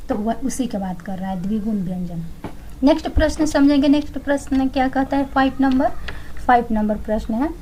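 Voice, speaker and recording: A woman's voice: sits high, darkish tone, poor audio. A young woman teaching exam answers, explaining each one and then repeating it to check understanding.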